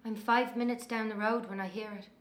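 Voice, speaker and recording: A woman's voice: a little high, fairly even intonation, a little fast, slight background noise, close to an everyday voice. An actress playing an angry young Irish woman, telling of walking home at night in a dramatic monologue.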